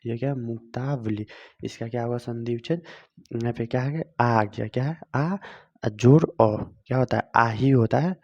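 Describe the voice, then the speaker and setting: A man's voice: mid-range voice, fairly even intonation, moderate pace, a little mellow. A man teaching grammar in a video lesson, asking the viewer questions and answering them himself, repeating each step. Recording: dull lo-fi sound.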